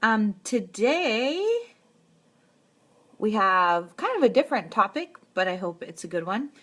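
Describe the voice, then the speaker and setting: A woman's voice: mid-range voice, sing-song, measured pace, a bit bright. A woman in her thirties hosting a casual live stream, chatting in an encouraging way with lots of "um"s. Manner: chatty, filler-heavy, encouraging.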